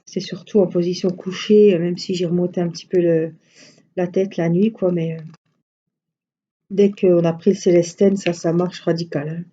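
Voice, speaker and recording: A woman's voice: on the low side, little pitch movement, moderate pace, warm tone, muffled recording, a little hiss or hum. A middle-aged woman chatting casually on a live stream, rambling through everyday anecdotes. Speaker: craft live-stream host.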